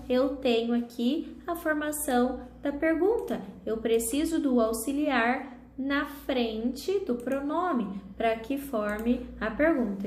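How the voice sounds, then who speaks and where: Brazilian woman, online English teacher, patient step-by-step explainer, slightly high voice, echoey room recording. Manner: patient, talks students through each step with many "tá?" checks. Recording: echoey room with faint background noise.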